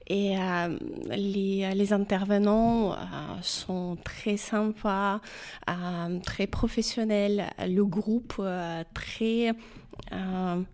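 A woman's voice: mid-range voice, fairly even intonation, drawn-out words, a little mellow. Hesitant woman with Ukrainian accent. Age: 30s. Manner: hesitant, many fillers, searching for words. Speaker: guest. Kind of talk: interview answers.

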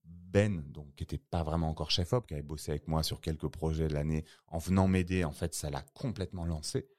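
Un homme, réalisateur invité, raconte son parcours dans une discussion détendue, avec beaucoup d'hésitations et d'argot. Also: male voice, a bass voice, fairly even intonation, brisk, a little mellow. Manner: slangy, rambling with many fillers and restarts. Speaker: filmmaker guest. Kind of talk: casual interview chat.

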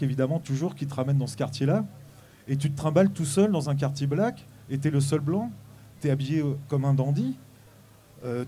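A male interviewer asking his guest questions in a conversational way, sometimes stumbling over words. His voice is very dark and mellow, with faint ambient noise behind. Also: medium pitch.

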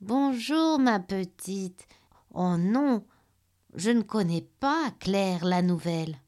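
A woman voicing a frail, gentle, very old man who is hard of hearing and speaks slowly and politely. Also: mid-range voice, animated, smooth.

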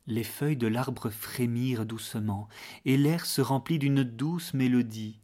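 A man reading a fairy tale aloud in a slow, unhurried, gentle manner. His mid-pitched voice stays calm and measured, and at moments it drops to a near-whisper. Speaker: storyteller. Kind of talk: scripted fairy-tale narration.

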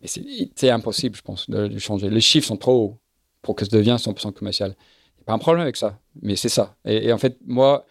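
A middle-aged man with a low, gravelly voice, speaking in a halting way as he hunts for words and repeats himself. He talks as a guest in a casual interview, recorded dry and close with no room sound. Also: no room sound. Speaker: guest, sailing event business founder.

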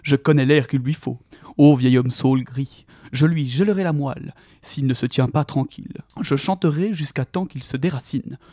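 A man voicing a jolly, boisterous old forest dweller who talks in a hearty, booming, sing-song way. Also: moderate pace, mellow, no room sound, clean studio sound, natural voice. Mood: jovial booming.

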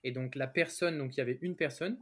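A man hosting a podcast interview, asking questions in a casual, upbeat way with quick friendly reactions. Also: mid-range voice, a bit bright. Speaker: podcast host.

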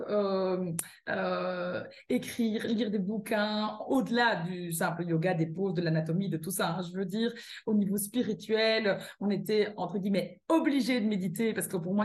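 A woman's voice: mid-range voice, a little mellow. A woman with a Belgian French accent, a guest author and yoga teacher chatting casually in an interview, with many fillers and restarts.

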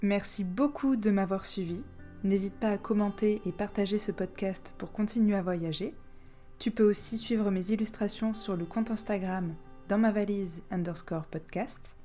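A woman's voice: mid-range voice, normal speed, warm tone, soft background music. A woman from France, host of a podcast, telling a personal travel story in a reflective, hesitant way with frequent fillers.

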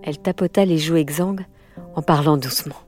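A woman reading a children's novel aloud in a measured, expressive narration. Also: low voice. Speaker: audiobook narrator. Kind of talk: scripted storybook narration. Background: faint music.

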